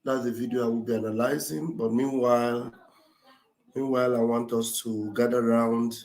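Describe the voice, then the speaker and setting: A man hosting a live broadcast, speaking deliberately and repeating his phrases. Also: medium pitch, flat delivery, a little mellow, poor audio. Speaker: livestream host.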